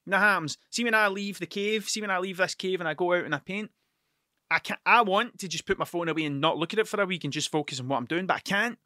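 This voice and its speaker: A tired man, a podcast host and mural painter, rambles through a solo episode, swearing often, stuttering, and restarting sentences. His high voice is quick and sharp, recorded at studio quality with no room sound.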